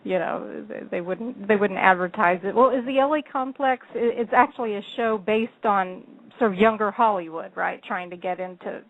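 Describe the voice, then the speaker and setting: A woman's voice: mid-range voice, moderate pace, hardly any pauses. Woman interviewer on a tinny line. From Texas. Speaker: interviewer host. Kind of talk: casual interview talk.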